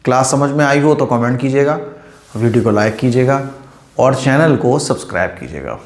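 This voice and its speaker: A man teaching Quran recitation in a patient lesson, slowly repeating syllables and asking the learners questions. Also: medium pitch, expressive, roomy sound.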